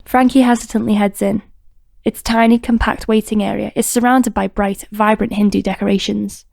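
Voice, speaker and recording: A woman narrates an audiobook crime drama with a steady, flat delivery and a gravelly edge. It is close-miked in a dry, dead room. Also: mid-range voice, normal speed, dry recording. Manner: even, steady reading. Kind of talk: scripted narration.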